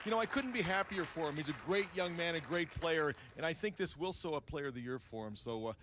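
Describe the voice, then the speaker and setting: Man, sports color commentary, conversational, hesitant, higher pitch. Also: lively intonation, fast talker, background noise. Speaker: color commentator, former pro player. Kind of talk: broadcast booth commentary.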